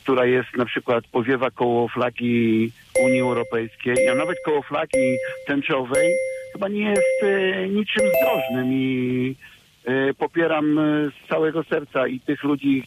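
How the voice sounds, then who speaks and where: A man calling in to a radio phone-in show, heard over a phone line, speaking earnestly and measured with some filler sounds. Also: medium pitch. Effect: caller heard over a phone line on radio. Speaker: radio call-in caller. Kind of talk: phone-in opinion.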